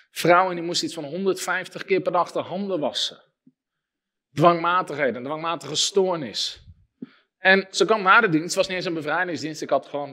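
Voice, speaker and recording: A man preaching a sermon, emphatic, with sharp rises and drops in his voice. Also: fairly high pitch. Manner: emphatic, rising and dropping sharply for effect.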